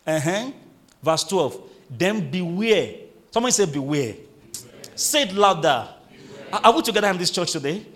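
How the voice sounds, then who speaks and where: Lively high-pitched preaching man. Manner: animated preaching with call-and-response to the congregation; reads scripture slowly and emphatically. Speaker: pastor. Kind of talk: sermon.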